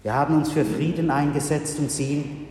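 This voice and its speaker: A male pastor giving a sermon in a slow, measured way with solemn pauses, in a church. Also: on the high side, fairly even intonation, darkish tone, slight background noise. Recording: reverberant church hall.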